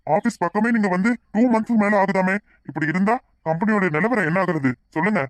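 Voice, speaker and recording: Guy voicing stern cartoon businessman, high pitched, rattles off demands, dry close mic. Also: fairly quick, dry recording, lightly acted.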